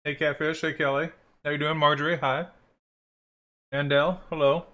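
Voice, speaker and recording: A man's voice: a little high, flat delivery, normal speed, sharp tone. A man hosting a livestream. He greets his viewers and talks through his views in a loose, conversational way, with many fillers. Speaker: livestream host. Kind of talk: casual livestream commentary.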